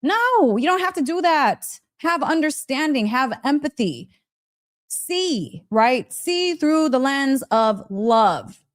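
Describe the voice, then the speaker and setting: Slow and full of big pitch swings, a woman's fairly high voice carries a casual live stream where she hosts a story session as a spiritual teacher. She gushes emphatically, repeats phrases for weight, and keeps addressing listeners directly with little check-in questions.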